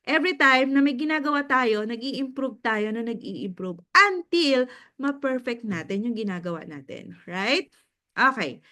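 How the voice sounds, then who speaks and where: Woman, Filipino accent, high-pitched, mentor, lively and laughing, asks listeners to confirm. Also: measured pace. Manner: animated storyteller, laughs often, checks in with listeners. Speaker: business mentor. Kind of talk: mentoring talk to a group.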